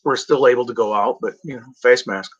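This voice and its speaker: A man's voice: medium pitch, brisk, fairly bright tone. Man, casual rambling vlog chat, off-script, swears freely, muffled lo-fi sound. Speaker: vlogger. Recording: dull lo-fi recording.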